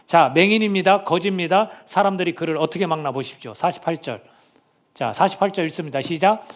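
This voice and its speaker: A middle-aged man preaching a sermon as pastor, earnest, swinging between loud pleas and hushed near-whispers. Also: fairly high pitch, fast. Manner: acts out quoted voices of people and prayers.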